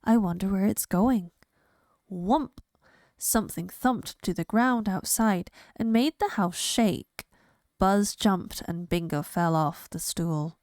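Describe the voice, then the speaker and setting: Lady reading a kids' book out loud, really slow and clear, dry close sound. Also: on the low side, dry recording. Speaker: reader. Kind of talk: reading a children's picture book aloud.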